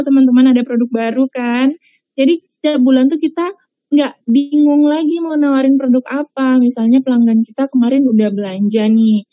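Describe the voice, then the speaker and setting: A woman with a fairly high but very dark, mellow voice runs a casual sales-training webinar. She talks chattily, circles back over her points and keeps speaking to her audience directly. The sound is dry and dull, like a lo-fi recording. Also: no room sound. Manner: chatty, repeats herself, often addresses listeners as friends.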